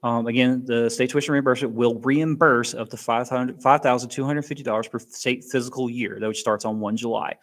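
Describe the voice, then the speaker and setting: Male briefer, mid-pitched, talks through program rules informally with many ums. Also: steady tone, brisk, hardly any pauses. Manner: explains plainly with frequent ums and restarts. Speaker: education benefits briefer.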